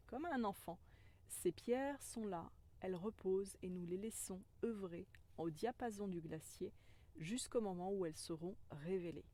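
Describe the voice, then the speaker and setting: A woman who works as a spiritual guide tells a personal story in a gentle, earnest manner. Her voice is warm and mellow, pitched in an ordinary middle range. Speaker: spiritual guide, self-described medicine woman.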